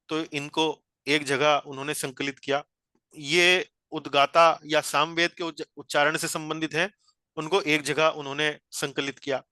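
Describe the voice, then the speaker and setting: A man's voice: on the high side, pushed and bright, no room sound. A man teaching a scripture study class over a video call, explaining each point patiently and repeating phrases as he guides a reader.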